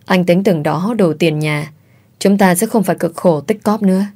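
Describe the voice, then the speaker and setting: A desperate young husband in debt, as a woman reader plays him, pleading and defensive in a lowish voice. Storybook family drama. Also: normal speed, warm tone. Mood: regretful.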